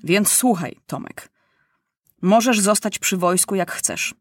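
A woman voicing a smooth, cunning enemy staff officer with a coaxing, persuasive manner, in a storybook reading. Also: mid-range voice, takes it slowly, dry recording, studio quality.

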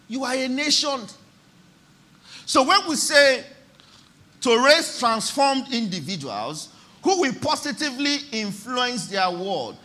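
A man's voice: sits high, sharp tone. A man preaching a church sermon, driving his points home with emphatic repetition and calls for the congregation to respond. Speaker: pastor.

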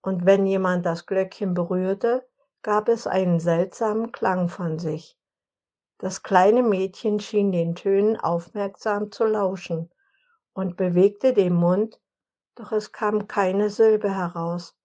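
A woman narrating an audiobook story in a calm, measured manner. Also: mid-range voice, highs cut off.

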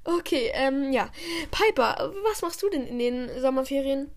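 A woman's voice: high-pitched, expressive, measured pace. A woman voicing a female schoolteacher who patiently questions her class in a sing-song manner. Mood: teacherly.

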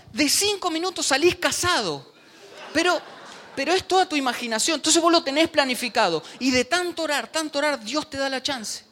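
A man preaching a sermon in a church, joking and speaking straight to the congregation. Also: very high-pitched. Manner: animated, joking preacher addressing the congregation directly.

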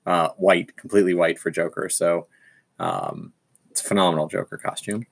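A man's voice: deep voice, fairly even intonation, normal speed, gravelly. A man telling stories in casual chat, enthusiastic and rambling.

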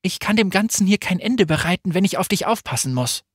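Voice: medium pitch, animated, fairly quick, breathy edge, dry recording, clean studio sound, voice pushed up. An audiobook narrator voicing a hardened young woman fighter who speaks in a clipped, firm, impatient way, a little above the narration. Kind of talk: audiobook character voice.

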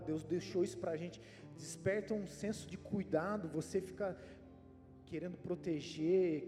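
A male Brazilian pastor preaching a sermon in a conversational way, often tagging sentences with "né?". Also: sits high. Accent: Brazilian Portuguese. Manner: conversational preaching, frequent "né?" tags. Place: church hall. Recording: reverberant church hall with soft music.

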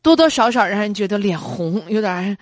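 A woman's voice: medium pitch, expressive, moderate pace, no echo, studio quality. A female co-host, giving conversational commentary. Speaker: radio show co-host.

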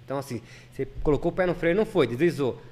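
A man's voice: a little high, lively intonation, rapid-fire, a little mellow. A man who is a lay preacher, a guest on a podcast, telling a personal story in casual, earnest talk full of restarts and repeated words.

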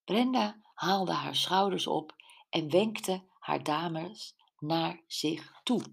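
A woman narrating a mystery audiobook in a steady, measured reading voice. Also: fairly low pitch, creaky, breathy edge.

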